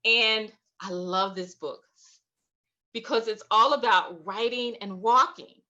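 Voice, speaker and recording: Encouraging woman, bright lo-fi call. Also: fairly high pitch, slow. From Alabama, US South. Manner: warm, encouraging, laughs often, repeats phrases. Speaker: writing workshop facilitator. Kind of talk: guided online workshop teaching. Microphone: video call.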